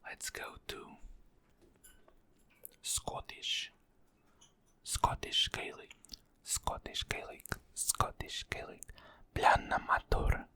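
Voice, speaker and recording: Speaking in a slow, soft whisper, this Portuguese ASMR creator says every phrase twice, unhurriedly.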